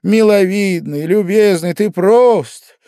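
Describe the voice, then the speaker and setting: Rowdy drunken clerk, high and wheedling, read by a male narrator; dry studio. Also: slow, mellow, no echo. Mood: fawning. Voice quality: shrill, wheedling, jeering.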